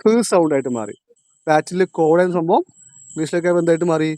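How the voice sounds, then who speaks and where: In a high, slightly mellow voice, a man gives a classroom lecture, quizzing his students and going over each point twice while slowing down on key terms. The recording is dry, with no echo.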